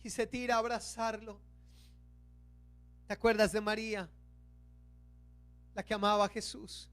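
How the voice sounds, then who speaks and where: High-voiced preaching man. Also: level tone, fairly bright tone, no room sound. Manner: emphatic preaching, slowing down on key words. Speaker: pastor. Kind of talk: Easter sermon.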